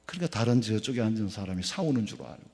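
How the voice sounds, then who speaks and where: A man from South Korea, a pastor preaching a midweek sermon with folksy stories, swinging between loud emphatic lines and soft low asides. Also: sing-song, rapid-fire. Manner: folksy, anecdotal, acts out dialogue. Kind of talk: sermon with storytelling. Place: church sanctuary. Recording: long hall reverb in church.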